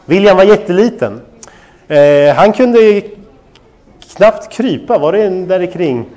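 Animated Swedish preacher man. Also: sits high, highs cut off. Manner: animated storytelling, addresses listeners directly. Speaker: pastor. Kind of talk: sermon on parenting.

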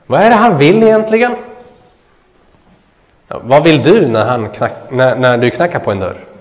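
A man's voice: medium pitch, lively intonation. Man preaching in an echoey hall. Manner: asks the listeners questions and answers them. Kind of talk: sermon. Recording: dull sound with a long hall echo.

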